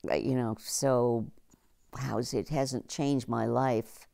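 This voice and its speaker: A woman's voice: extremely low pitch, steady tone, slow pace, vocal fry, warm tone. A woman in her eighties answering documentary interview questions in a plain, matter-of-fact way. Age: 80s.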